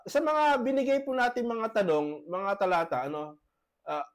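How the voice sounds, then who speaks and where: Presenting his case in an online debate, a high-pitched, sing-song pastor speaks haltingly and tags his points with frequent questions. Heard through a video-call mic, he has a cough and keeps clearing his throat.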